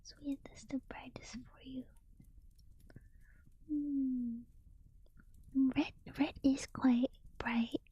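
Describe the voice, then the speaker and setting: A sleepy woman whispering softly as she chats with her stream and reads a book aloud. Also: high voice, level tone, very slow, long pauses, husky, dull audio. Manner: soft unvoiced whisper throughout. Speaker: livestream host. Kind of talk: whispered casual stream chat and reading aloud.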